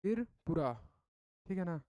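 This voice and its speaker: A man's voice: high voice, lively intonation, unhurried, darkish tone, dry recording, lo-fi sound. A man teaching a class, drilling memory tricks with lots of repetition and call-and-response questions.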